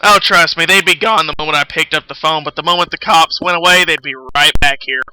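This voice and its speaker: This man's slightly high voice stays steady and brisk, bright and forceful, clear and resonant, though the recording is low-quality. He's a game streamer hosting a livestream, chatting casually as he plays, self-mocking and swearing as he rambles.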